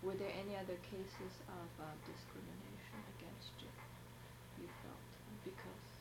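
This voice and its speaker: Calm woman interviewer on hissy tape. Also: mid-range voice, normal speed. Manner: calm, prompting with brief acknowledgments. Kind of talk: oral history interview. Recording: noisy archival tape with background hiss.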